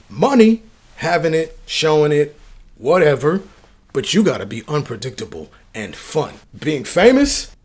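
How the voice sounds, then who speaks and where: A man's voice: mid-range voice, slightly rough. A man hosting a dating advice channel, talking straight to his viewers in an emphatic, slangy, coach-like way. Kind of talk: direct-to-camera advice talk.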